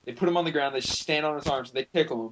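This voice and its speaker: A man's voice: fairly high pitch, quick pace, fairly bright tone, slight background noise, low-quality recording. A young man co-hosting a casual podcast chat, telling a story in a rambling, giggly way. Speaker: podcast co-host.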